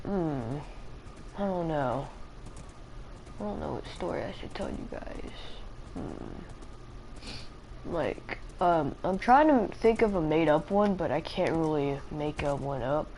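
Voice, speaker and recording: A woman's voice: deep voice, expressive, slow pace, pauses often, darkish tone, slight background noise, poor audio. A sleepy, tired woman rambling hesitantly in casual chat as a live streamer, with many fillers.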